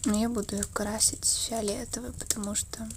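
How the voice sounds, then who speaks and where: A woman in an ASMR role-play as an affectionate, wistful girlfriend, murmuring slowly and intimately between a soft voice and a soft voice. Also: medium pitch, little pitch movement, background noise.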